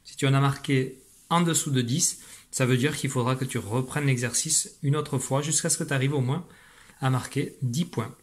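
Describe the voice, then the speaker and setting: A man's voice: medium pitch, moderate pace. A man teaching a reading lesson to young children over video, explaining patiently and encouraging them, recorded at a computer at home. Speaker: primary school teacher. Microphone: computer at a desk.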